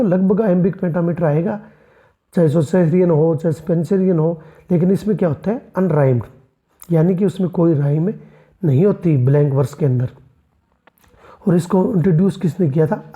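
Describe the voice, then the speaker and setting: With a warm tone at normal speed and a mid-range voice, this literature teacher runs an exam-prep lecture, addressing students as friends. Rhetorical questions get raised and then answered, and English terms are blended into the explanations.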